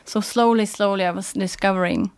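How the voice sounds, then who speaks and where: A woman's voice: medium pitch, steady tone, fairly quick, darkish tone, smooth. A woman with a Czech accent, a radio guest speaking earnestly in casual discussion, with some hesitant phrasing. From Czech Republic.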